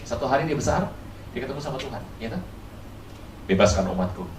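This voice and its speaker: A pastor preaching a sermon, quizzing the congregation and swinging between loud high bursts and quiet low asides. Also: very fast, noisy background. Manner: animated, keeps quizzing the congregation. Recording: echoey hall from far off, faint ambience.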